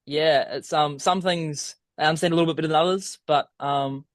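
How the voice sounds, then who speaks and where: Studio-quality audio with no room sound captures a young man with a fairly high voice, brisk pace and fairly even intonation. A student abroad from small-town southern New Zealand, he chats informally as an interview guest in a broad accent, sometimes pausing hesitantly.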